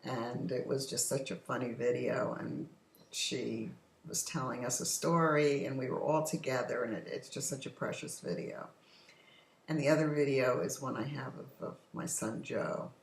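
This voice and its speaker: A woman's voice: very deep voice, moderate pace, creaky, roomy sound, low-quality recording. An older woman hosting a casual home chat, telling stories in a talkative way. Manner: chatty storytelling, often laughing. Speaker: host. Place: home patio. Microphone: computer's built-in microphone.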